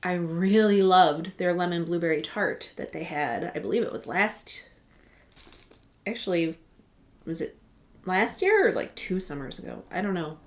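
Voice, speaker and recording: A woman beauty vlogger casually walking through her chosen products, chatty and often correcting herself mid-sentence. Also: medium pitch. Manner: chatty, self-correcting, rambling asides.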